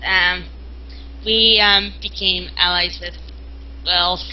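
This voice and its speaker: Slow, rambling woman player. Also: a little high, a little hiss or hum. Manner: rambling, hesitant. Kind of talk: casual tabletop game chat. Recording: dull lo-fi online recording.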